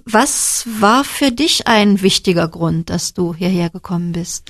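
A woman's voice: lowish voice, lively intonation, unhurried. A woman hosting, interviewing a guest with friendly, guiding questions. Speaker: host.

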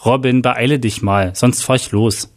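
Bossy angry editor lady, read by a guy, giving orders, middle pitch. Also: steady tone, moderate pace, natural voice. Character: furious female newspaper editor.

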